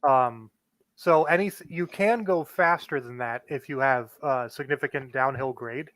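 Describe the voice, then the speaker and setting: Man explaining in a monotone. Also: mid-range voice, unhurried, no room sound. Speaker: guest co-player. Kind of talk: casual gameplay explanation.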